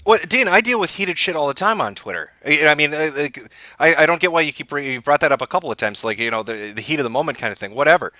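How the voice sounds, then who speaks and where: A man's voice: on the high side, lively intonation, fast, bright, forceful tone, no echo. A man hosting a podcast, arguing bluntly in a profane, mocking casual debate over a call. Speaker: podcast host.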